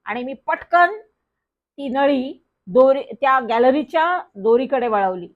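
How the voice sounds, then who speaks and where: A woman narrating a children's story in a lively first-person manner. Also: high voice, slow. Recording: dull lo-fi recording.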